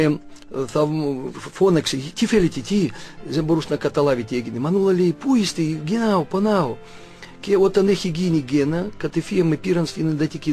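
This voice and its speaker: An older man with a Russian accent tells a personal testimony as an Orthodox archimandrite. His voice sits a little high. He speaks haltingly, searching for words and correcting himself often, while soft music plays faintly in the background. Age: 60s.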